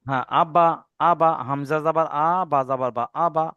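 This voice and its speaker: A man teaching an online reading lesson, patiently spelling out letters and vowel marks step by step and drawing out the recited words slowly. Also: on the high side, steady tone, a bit bright, clear, resonant tone, no echo, highs cut off.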